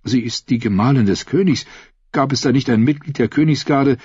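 A man's voice: medium pitch, a little fast, a little mellow, slightly rough, dry recording, pitched above the performer's own voice. A man voicing a bold, coarse young knight who talks in a blunt, brash way. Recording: dull, dry recording.

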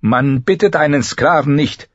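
A man's voice: a little high, a little slow, a little mellow, breathy edge, dry recording, voice pushed up. A man voicing a proud older female healer-sorceress in a storybook reading, speaking coolly and ominously. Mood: cool, knowing. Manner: cool, knowing, ominous. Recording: slightly dull recording.

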